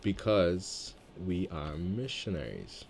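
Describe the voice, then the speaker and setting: Deep-voiced man in his twenties, casual gameplay commentary, rambling, thinking aloud, keyboard clicks behind. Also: very animated, slow, gravelly, darkish tone, a little hiss or hum. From Trinidad and Tobago. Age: 20s. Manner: rambling, thinks aloud between chatty stories. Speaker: let's-play gamer.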